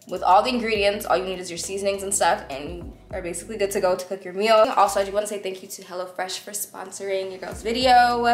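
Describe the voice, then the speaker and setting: A young woman in her twenties chatting casually to camera in her home kitchen, bubbly and talkative. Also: medium pitch. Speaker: vlogger. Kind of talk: casual vlog chat. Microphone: handheld phone camera at arm's length. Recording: echoey kitchen with music behind.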